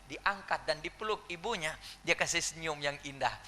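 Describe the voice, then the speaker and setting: A man preaching a sermon, telling the story with lively acted voices and laughter. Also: a little high, normal speed, a little hiss or hum. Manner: animated storytelling, acting out quoted voices with laughter.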